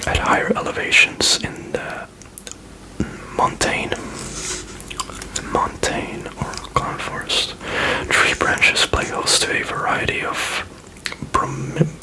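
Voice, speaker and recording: Male ASMR reader. Sustained breathy whisper throughout, informal, reading text aloud with offhand comments. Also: slow, low-quality recording.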